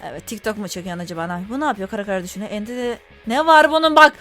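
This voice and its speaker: A woman's voice: medium pitch, expressive, rapid-fire, a bit bright, soft background music. A woman gaming YouTuber giving casual, chatty let's-play commentary, teasing the game characters and complaining in mock exasperation.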